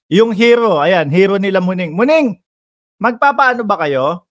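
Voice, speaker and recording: A man's voice: sits high, lively intonation, normal speed. A man from the Philippines giving casual political commentary as a vlogger, talking straight to his viewers in a teasing, sarcastic way.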